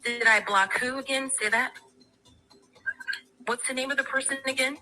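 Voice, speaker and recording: Calling in to a livestream's opinionated panel discussion, a woman speaks formally, emphatically and defensively over harsh replayed stream audio. Her high-pitched voice is bright and forceful, with fairly even intonation and a moderate pace, and faint music plays behind her.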